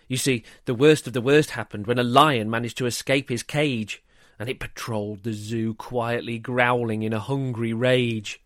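A man narrating a rhyming children's story in a lively, expressive way. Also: mid-range voice, no room sound, studio quality.

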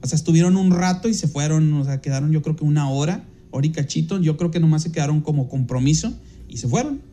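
A man's voice: a little high, quick pace, dark tone. A Mexican man, a podcast host and DJ, telling a casual anecdote in a rambling way, with many fillers and restarts, and jumping into livelier voices when he quotes people.

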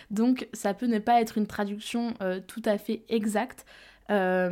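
A woman hosts a podcast in a casual, chatty tone, with a voice of ordinary middle pitch. She hesitates often and pokes fun at herself as she sets up the episode. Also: a little mellow. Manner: chatty and self-deprecating, with nervous hesitations. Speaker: podcast host. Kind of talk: casual solo podcast introduction.

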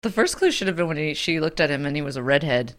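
A woman's voice: low-pitched, animated, fast, fairly bright tone. A woman co-hosting a podcast, trading casual comic banter with dry, profane interjections. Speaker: podcast co-host.

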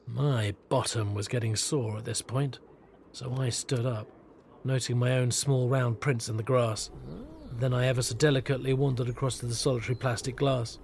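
Deadpan man, mock-pompous narration. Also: medium pitch, background noise. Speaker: narrator of a comic pub review. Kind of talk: scripted comic narration.

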